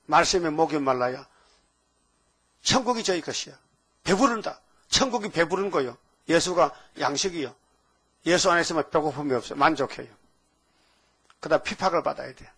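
Older male preacher with sudden loud rises. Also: fairly high pitch, expressive, brisk, long pauses, slightly rough. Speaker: pastor. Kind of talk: sermon.

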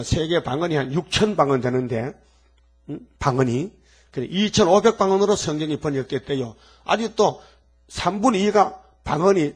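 An older man preaching a sermon in an animated, folksy way, full of rhetorical questions and asides. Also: fairly high pitch, husky. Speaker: pastor.

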